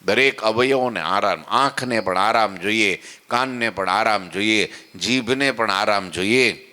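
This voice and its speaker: A man preaches in a folksy, conversational way, now and then slipping into the voices of his listeners. His tone is bright and forceful. A long hall reverb trails each phrase. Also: on the low side, measured pace. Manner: folksy and conversational, acting out devotees' complaints and asking "samajya?". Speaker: swami giving morning katha. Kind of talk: devotional sermon. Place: temple hall.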